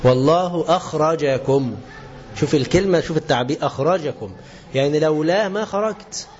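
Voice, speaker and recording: Egyptian sheikh questioning his class. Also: fairly high pitch. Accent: Egyptian Arabic. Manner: lively, asks the class questions and answers them; slows down and stresses scripture quotes. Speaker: sheikh giving a religious lesson. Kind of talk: colloquial religious lesson to a live class. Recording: dull lo-fi lesson recording with faint hiss.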